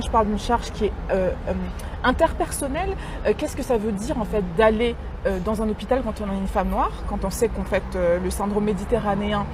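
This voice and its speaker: A woman from Congo answers interview questions slowly and thoughtfully, pausing often as she searches for words. Her voice sits a little high. Steady city noise and traffic run behind her. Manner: measured, many hesitations. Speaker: writer and poet, interviewee.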